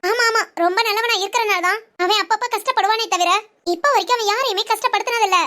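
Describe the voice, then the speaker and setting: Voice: very high voice, fast talker, pushed and bright. A performer voicing an earnest young woman friend who keeps coaxing with persistent questions.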